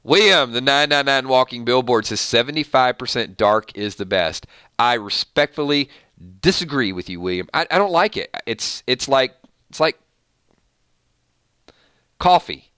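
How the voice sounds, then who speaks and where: A man from Georgia with a Southern accent, hosting a casual livestream, reading viewer comments and chatting in an animated way with easy laughter. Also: mid-range voice, normal speed, smooth, no room sound, studio quality. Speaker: livestream host.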